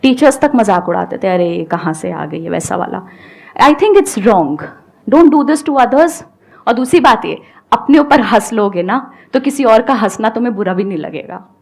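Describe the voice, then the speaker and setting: A woman's voice: a little high, animated, measured pace, a little mellow. A woman speaking with an Indian accent, a guest giving an emphatic motivational talk that switches between Hindi and English. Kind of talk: motivational talk on a stage show.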